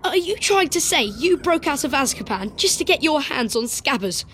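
A man's voice: very high voice, sing-song, moderate pace, sharp tone, a little hiss or hum, pitched above the performer's own voice, full character voice. A man voicing a skeptical, indignant teenage schoolboy. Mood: incredulous.

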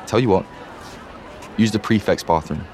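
A man voicing a friendly, confident older teenage schoolboy who talks low and confiding. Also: racing, a bit bright, slight background noise, close to an everyday voice.

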